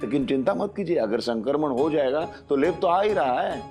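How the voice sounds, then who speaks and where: A man's voice: fairly high pitch, animated, brisk. An actor playing a fussy, self-assured middle-aged father in a TV sitcom, explaining and giving orders. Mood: reassuring. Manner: instructive, bossy, giving orders. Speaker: father of the bride. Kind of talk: TV sitcom acting. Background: background music.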